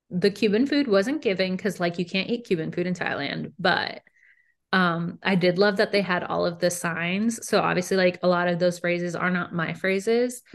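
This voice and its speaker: A young woman co-hosting a podcast in casual chat, animated, with lots of "like" and "um". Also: mid-range voice. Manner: animated, frequent "like" and "um", laughs between lines. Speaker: podcast co-host.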